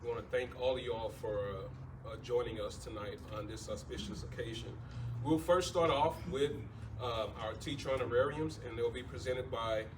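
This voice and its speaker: A man of medium pitch addresses an audience semi-formally, in a courteous, hesitant way. The mic picks him up from a distance, with plenty of background noise. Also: normal speed. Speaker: committee member introducing the program. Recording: distant microphone, clearly noisy room.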